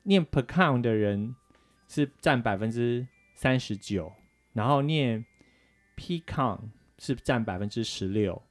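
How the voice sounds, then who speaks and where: A man's voice: mid-range voice, expressive, takes it slowly, faint music behind. A man from Taiwan, co-hosting a casual talk show and explaining things with lots of fillers. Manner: chatty, explains with many fillers. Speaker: co-host. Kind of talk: casual radio chat.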